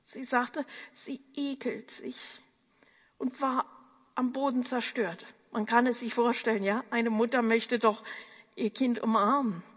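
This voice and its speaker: Slow, breathy woman in a reverberant hall. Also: a little high, fairly even intonation. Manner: slow, earnest, quotes others' voices. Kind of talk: storytelling talk.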